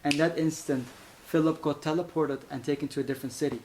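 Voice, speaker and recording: A man from Iran giving an animated, casual spoken testimony, laughing often and stumbling over repeated words. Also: on the high side, fast, noisy background. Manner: animated, laughs often, acts out voices in quotes.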